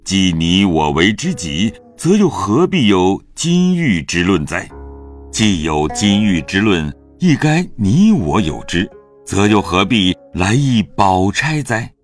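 A man narrating a classic novel as an audio drama, in a slow, expressive, dramatic reading. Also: sits low, soft background music.

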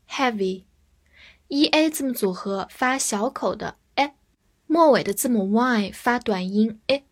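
A woman teaching English vocabulary in a scripted lesson, spelling each word out letter by letter. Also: a little high. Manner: slow, spells words letter by letter.

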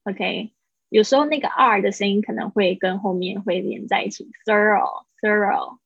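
A woman teaching English pronunciation on a livestream, explaining patiently and repeating words slowly for her students. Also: medium pitch, vocal fry, slightly rough, no room sound, lo-fi sound.

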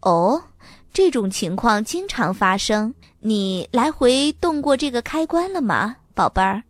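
A woman reading a storybook aloud and voicing a busy mother who speaks in a calm, lower, measured tone. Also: no room sound. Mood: firm. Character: mother, busy and firm but gentle.

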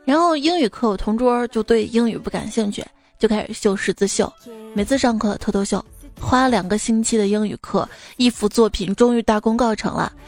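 Giggly, higher-voiced female comedy host. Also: a little fast. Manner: lively, giggly storytelling with frequent laughter. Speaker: radio comedy show host. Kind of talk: reading listener jokes with playful commentary.

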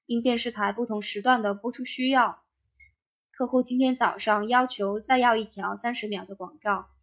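A woman with a fairly high voice reads a first-person career memoir aloud. Her delivery is steady and even, a calm narrator's read. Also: normal speed.

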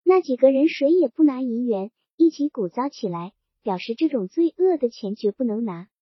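Brief: woman audiobook narrator, high breathy voice, dry close sound. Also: lively intonation, normal speed, no room sound. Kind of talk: scripted novel narration. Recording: dull lo-fi recording.

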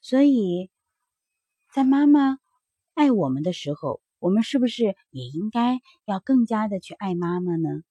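A woman narrates a children's bedtime story in a gentle, expressive way, her pitch rising and falling freely. Her voice is slightly husky, and it is recorded close and dry. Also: a little slow, no echo, lo-fi sound.

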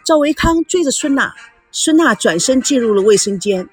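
A woman narrating an audiobook in an expressive storytelling manner. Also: high voice, normal speed, breathy edge, soft background music.

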